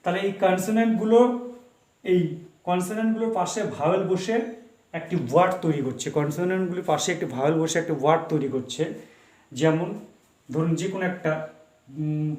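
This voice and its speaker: A male teacher giving a lesson. He talks slowly, repeats himself and spells words out letter by letter. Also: on the high side, darkish tone, echoey room. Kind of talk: explaining English basics in Bengali.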